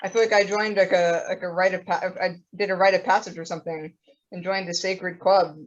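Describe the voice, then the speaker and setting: A woman's voice: fairly low pitch, steady tone, fairly quick. A young woman chatting casually on a podcast, rambling with plenty of fillers. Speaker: podcast co-host. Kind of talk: casual chat. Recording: dull lo-fi audio.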